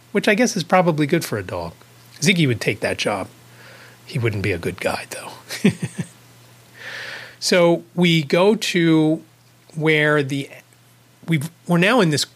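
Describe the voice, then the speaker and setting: A man with a somewhat high-pitched voice hosts his own podcast and tells a long personal story. He talks casually and rambles, restarting sentences and correcting himself. He drops in small chuckling asides along the way. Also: husky. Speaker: podcast host.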